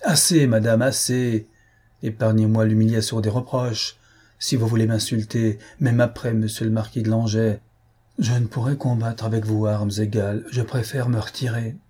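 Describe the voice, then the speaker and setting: Male reader as a proud, angry nobleman, husky, curt. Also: fairly low pitch, flat delivery, moderate pace, mellow. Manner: agitated, curt and indignant. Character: proud, hot-tempered young chevalier, a man.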